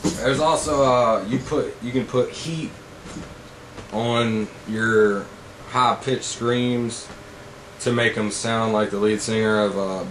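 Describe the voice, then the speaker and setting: A man's voice: lowish voice, slight background noise, rough recording. A man giving a casual, informal vocal tutorial as a coach, rambling and blunt with frequent swearing.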